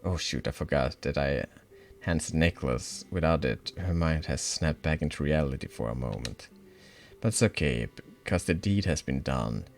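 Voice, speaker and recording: A man's voice: rumbling low, animated, moderate pace. A man streaming a game, commenting in a casual, offhand way and correcting himself as he goes. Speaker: streamer reading a game aloud.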